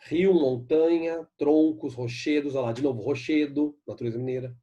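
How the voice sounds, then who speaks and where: Man, Brazilian Portuguese accent, literature teacher, warm husky voice, explains and questions students. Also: on the high side, fairly even intonation, dull audio. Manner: explains and asks students questions, reads poems slowly. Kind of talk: recorded online class lesson.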